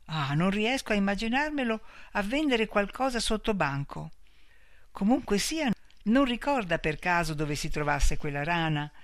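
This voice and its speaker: A man's voice: high voice, very animated, normal speed, fairly bright tone, dry recording, studio quality, pitched above the performer's own voice. A man voicing a polite young woman shopkeeper who is easily upset, speaking in a raised, fluttery voice for an audiobook. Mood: chatty.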